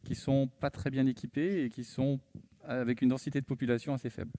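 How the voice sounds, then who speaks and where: Mellow-voiced man explaining technology. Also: medium pitch, little pitch movement, brisk, a little hiss or hum. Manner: careful, hesitant with many fillers. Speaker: panel speaker, engineer.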